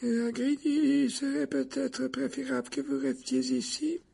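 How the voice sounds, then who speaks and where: Guy doing a shaky old committee man, stammers, way high and wobbly, gravelly underneath. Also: little pitch movement, unhurried, darkish tone, exaggerated voice. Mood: flustered. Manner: quavering, stammering. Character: shaky, stammering elderly male committee official.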